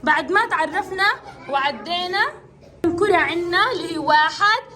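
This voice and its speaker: A kindergarten teacher teaches a class of young children to count, coaxing and praising each child in turn. Her voice is very high-pitched, bright and forceful, at a normal speed.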